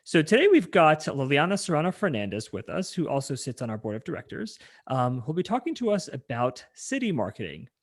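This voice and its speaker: A man's voice: on the high side, very animated, a little fast. A man hosting a business talk show, reading a sponsored intro and then asking questions. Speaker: host.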